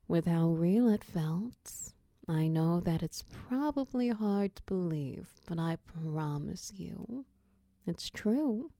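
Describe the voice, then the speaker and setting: A woman playing a tender, protective partner in an ASMR role-play, speaking softly and soothingly right into the listener's ear. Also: lowish voice, dry recording, heavily acted. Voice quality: soft, breathy soft voice. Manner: intimate, close-up delivery right in the listener's ear; slow, soothing, reassuring. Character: tender, protective female partner soothing a nightmare-shaken lover. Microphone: very close, dry microphone.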